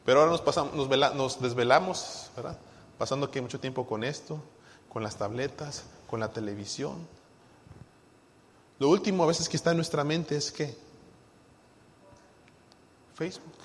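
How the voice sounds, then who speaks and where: A male pastor preaching a sermon to his congregation, asking them rhetorical questions and moving between hushed asides and loud, emphatic lines. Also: medium pitch, normal speed, long pauses, slight background noise. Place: church sanctuary. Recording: long hall reverb.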